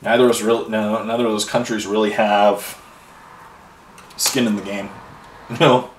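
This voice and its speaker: At a moderate pace and with little pitch movement, a man with a lowish voice chats while painting miniatures, wandering between subjects and using plenty of fillers. He's of Irish and Canadian origin, filming a hobby video in his home hobby room. The recording has a roomy echo and faint noise, and his voice sits a bit far from the mic.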